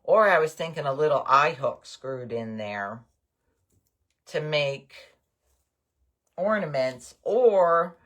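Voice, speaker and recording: A woman's voice: sits low, lively intonation, slow, long pauses, a bit bright. An older woman hosting a craft livestream, chatting casually and rambling happily with her viewers. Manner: chatty, rambling, enthusiastic about bargains. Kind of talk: casual live-stream chat with viewers.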